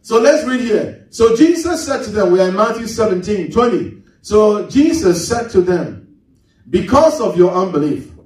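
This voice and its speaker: A man's voice: high voice, lively intonation, normal speed, darkish tone. A male pastor preaching a sermon, quizzing the congregation with call-and-response questions and repeating key words for emphasis. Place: church. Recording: very echoey church hall, mic at a distance.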